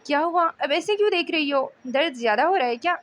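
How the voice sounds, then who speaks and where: Woman narrator doing a sweet teasing young husband, soft and coaxing, audiobook. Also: sits high, lively intonation, quick pace, slight background noise. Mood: affectionate. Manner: tender, coaxing.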